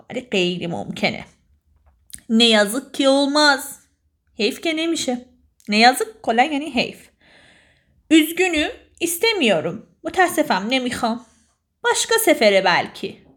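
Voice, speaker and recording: A young woman teaching a language lesson, saying each phrase aloud and explaining it for the listener to repeat. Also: high voice. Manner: lively, models phrases for repetition.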